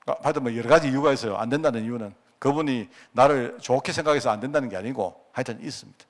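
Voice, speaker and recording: A middle-aged pastor with a Gyeongsang accent, telling personal stories in a sermon, with a folksy manner and chuckling asides. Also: male voice, mid-range voice, fast talker. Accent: Gyeongsang Korean. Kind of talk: storytelling sermon. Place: church sanctuary.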